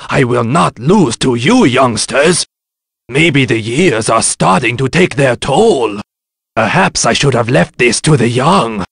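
Master Splinter, raspy old rat sensei. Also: male voice, mid-range voice, dry recording, studio quality, full character voice. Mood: weary, complaining. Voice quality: raspy, gravelly. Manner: formal, measured, sage-like. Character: wise elderly rat ninja master, stern but playful. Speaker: video game character voice. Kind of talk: video game battle lines and advice.

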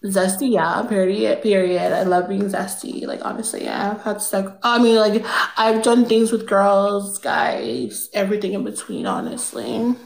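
Her voice is mid-range, animated, creaky, and a little mellow, moving at a measured pace. This young woman improvises a comedic livestream role as a spoiled, shameless rich girl with a smug, airy drawl, filmed on her phone's front camera in a pink-lit room with roomy audio.

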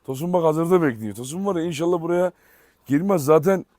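A man with a high-pitched voice gives a casual, chatty walkthrough of his dog kennels outdoors. He talks straight to his viewers as he moves from pen to pen. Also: fast talker, darkish tone, dry recording, studio quality. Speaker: dog breeder vlogger.

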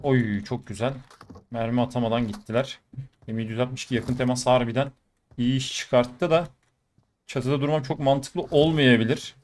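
A man's voice: mid-range voice, normal speed. Male gaming streamer, chatty play-by-play, mid-range voice, faint background hiss. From Turkey. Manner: chatty, addresses viewers, bursts of excitement. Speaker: gaming YouTuber. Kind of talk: live commentary over mobile shooter gameplay.

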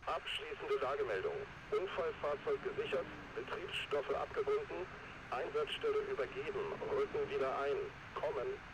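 A male firefighter in a simulation game calls in over an in-game radio transmission, distant from the mic at a middling pitch. He keeps to terse, formal radio procedure, reporting by the book. A faint hiss sits behind the transmission. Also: normal speed, pauses often. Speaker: fire crew radio operator in a simulation game. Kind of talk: clipped radio procedure talk.

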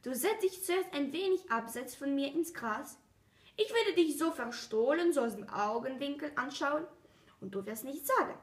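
Here a woman gives voice to a soft-spoken, inquisitive male fox during a storybook reading. Her high voice is lively in intonation and moves at a normal pace, earnest and coaxing, with an echoey, roomy sound.

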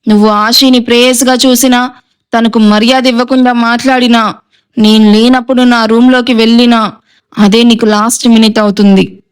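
A woman's voice: on the high side, flat delivery, normal speed, smooth, natural voice. Woman reading as a cold, commanding elder brother. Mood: stern. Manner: cold, commanding, clipped orders. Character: stern domineering young man, hot-tempered elder brother.

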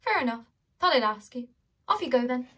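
A woman voicing a huge male bodyguard who speaks low, calm and threatening. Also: a little fast, exaggerated voice. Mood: menacing.

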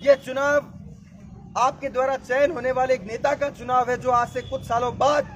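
A man in his twenties giving a booming political rally speech as a student candidate, emphatic and exhorting. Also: little pitch movement, moderate pace, fairly bright tone. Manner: emphatic, exhorting, addressing a crowd. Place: outdoors in a campus yard before a standing crowd. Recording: noisy outdoor crowd gathering.

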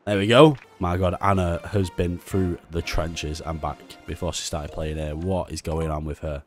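A young man giving casual gameplay commentary, excitable and swearing often, with frustrated outbursts. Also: sits low, moderate pace, faint music behind. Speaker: gaming YouTuber.

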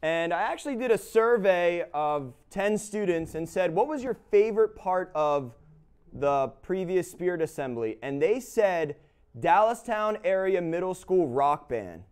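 A man's voice: sits high, expressive, measured pace, a little mellow, clear, resonant tone. A man in his thirties, a teacher presenting a chatty segment on a school broadcast from a studio.

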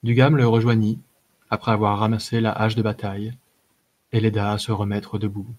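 Husky low-voiced man reading a story. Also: little pitch movement, darkish tone. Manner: measured reading with occasional filler hesitations. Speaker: audiobook reader. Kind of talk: narrating a fantasy short story.

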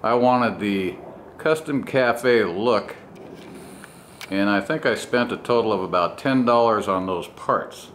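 This home mechanic and motorcycle vlogger has a lowish, slightly bright voice. He does an informal, unhurried walkaround of his custom bike work, speaking in choppy phrases with pauses, the way a hobbyist would on a handheld camera. The recording, made with the camera's mic in his open-doored home garage, is noisy.

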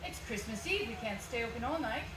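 Very high, prim librarian played by a woman. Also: animated, fairly quick, lightly acted. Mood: curt, guarded. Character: prim, wary unmarried woman librarian, easily frightened. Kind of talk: live stage radio-play acting. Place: small indoor theatre stage. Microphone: far camera from back of audience. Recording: distant, echoey, noisy theatre audience recording.

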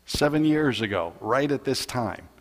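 A man preaching a sermon as a pastor, telling a Bible story and building louder and higher in the dramatic parts. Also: animated, a little slow. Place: church sanctuary. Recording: long hall reverb in church.

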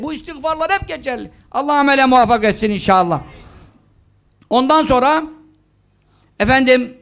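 A man preaching in a mosque at a pulpit microphone, earnestly urging his listeners and reciting prayers. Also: fairly bright tone. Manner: earnest, exhorting, rising high when stressing points. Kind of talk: mosque talk with announcements and prayers.

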